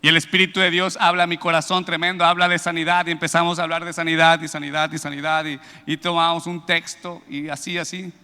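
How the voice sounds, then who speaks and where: High, bright-voiced preacher in a reverberant hall. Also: male voice, quick pace, few pauses, clean tone. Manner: animated storytelling, acts out quoted voices, builds to loud praise. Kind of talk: sermon with a personal testimony.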